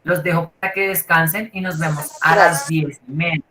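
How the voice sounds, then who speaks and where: A man's voice: fairly high pitch, steady tone, normal speed, pushed and bright, a little hiss or hum. A man from Colombia with a Bogotá accent, teaching a literature class over a video call in an informal, rambling way, checking in with his students constantly. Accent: Bogotá Colombian Spanish. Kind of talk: live online class lecture. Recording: echoey room.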